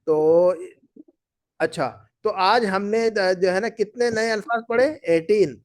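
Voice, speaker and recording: A man's voice: high voice, no room sound, studio quality. A male Arabic teacher leading a class, patiently repeating words and quizzing his students. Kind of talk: language class, drilling students. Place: class run from Bahrain.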